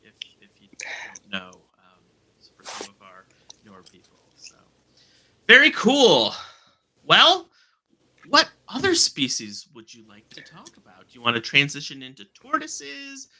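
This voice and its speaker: Lively, bright-voiced male stream host. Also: high-pitched, unhurried. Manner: chatty, trails off and restarts, jokes about acronyms. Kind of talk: casual live-stream chat.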